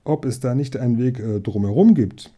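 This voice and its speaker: A man's voice: medium pitch, normal speed, dark tone, husky, natural voice. A man reading as a timid fretful hobbit. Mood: flustered. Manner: hesitant, anxious.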